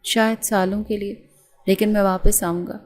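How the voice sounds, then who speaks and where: A woman voicing a protective teenage boy who speaks softly and reassuringly. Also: medium pitch, steady tone, lightly acted. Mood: tender. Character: protective teenage boy, gentle big brother.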